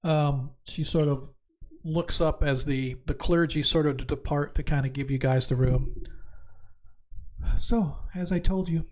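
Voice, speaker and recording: A man narrating a tabletop fantasy game as game master, improvising descriptions in a halting way. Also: mid-range voice, fairly even intonation, darkish tone.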